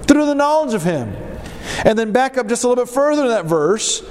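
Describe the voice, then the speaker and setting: A man's voice: extremely high pitch, very animated, brisk, darkish tone. A man preaching a Bible lesson with a congested, pinched-nose sound from a cold, teaching emphatically with repetition and rhetorical questions. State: stuffed up with a cold. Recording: echoey hall, long reverb, faint background noise.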